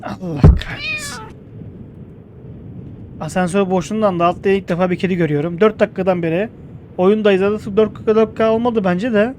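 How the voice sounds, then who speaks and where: An excitable young man commentates his gameplay with a fairly high voice, joking and shouting at the screen. A faint hum sits under the recording. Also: fast. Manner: excitable, jokey, yells at the game. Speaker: gameplay streamer.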